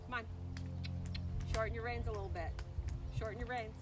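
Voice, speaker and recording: A woman working as a riding instructor, coaching a rider through a lesson with brisk, projected commands and running encouragement. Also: fairly high pitch, fairly even intonation, over music. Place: riding arena among horses. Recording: noisy, with hoof clip-clop and ambience.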